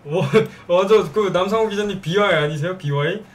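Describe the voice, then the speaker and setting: A man's voice: sits high, brisk, very noisy. A young man giving casual reaction commentary, giggly as he tries not to laugh. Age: young adult. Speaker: video blogger. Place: small home room, indoors. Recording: distant mic, music behind.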